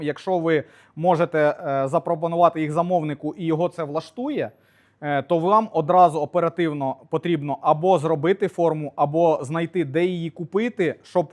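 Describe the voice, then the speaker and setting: High-voiced man. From Ukraine. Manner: animated, vivid anecdotes, colloquial. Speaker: plaster decor workshop owner. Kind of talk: interview storytelling.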